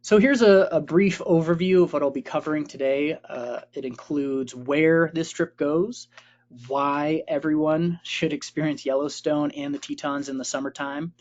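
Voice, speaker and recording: A man in his late thirties, an expedition leader giving an informal webinar presentation, relaxed and friendly, with many fillers. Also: fairly high pitch, normal speed, highs cut off. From Vermont.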